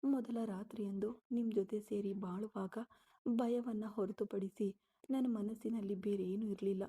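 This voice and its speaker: A woman's voice: medium pitch, fairly even intonation, normal speed, dark tone, slightly rough, natural voice. A woman voicing a grieving young wife pleading with her husband, read in a storybook style.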